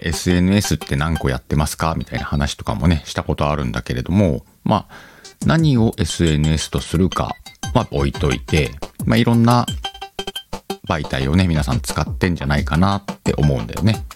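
With background music playing underneath, this podcast host talks on his own show in an extremely low voice that swings widely in pitch. He speaks briskly and conversationally, working through his thoughts out loud and speaking straight to his listeners.

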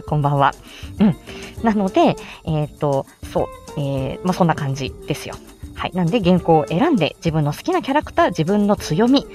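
Here an amateur voice actor, a woman with an androgynous voice pitched lowish and darkish in tone, explains how to make voice samples. Her manner is relaxed and chatty, like a live stream.

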